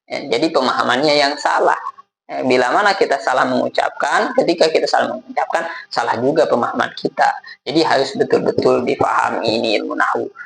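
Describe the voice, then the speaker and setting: Gravelly-voiced man teaching, echoey room. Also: mid-range voice, fairly bright tone. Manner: hesitant, many fillers and self-repeats; recites Arabic phrases slowly. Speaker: Islamic religious teacher. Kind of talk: casual spoken lecture.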